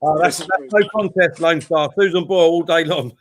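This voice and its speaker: A man's voice: on the high side, normal speed, noisy background. A man, co-hosting a casual football watchalong, reading out chat messages and calling the match. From Isle of Dogs, East London. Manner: chatty, reads out viewer messages, breaks into excited calls on the match.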